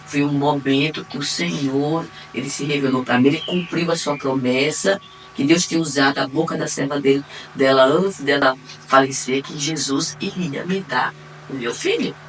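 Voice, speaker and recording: A woman with a Brazilian accent giving a personal faith testimony, acting out the dialogue as she retells it and swinging between quiet and excited. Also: sits low, normal speed, a little hiss or hum. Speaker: testimony giver. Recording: distant mic, faint room ambience.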